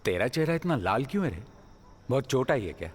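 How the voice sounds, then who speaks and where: A man dubbing a stern working-class father in a film, gruff and scolding. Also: medium pitch, big pitch swings, brisk. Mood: softened. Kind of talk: Hindi film dub. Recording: film dub with reverb and music.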